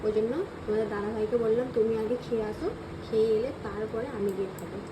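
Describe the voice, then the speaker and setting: A woman with a West Bengal Bengali accent talking quietly and casually to her viewers so as not to wake her sleeping child. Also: medium pitch, fairly even intonation, quick pace, noisy background. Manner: speaks softly so the baby keeps sleeping. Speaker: vlogger. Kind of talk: hushed casual vlog talk.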